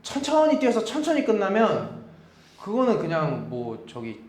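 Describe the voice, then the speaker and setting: Animated Korean-speaking man, coaching in casual chat. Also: high voice, moderate pace, reverberant. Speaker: running coach. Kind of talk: casual chat about running training.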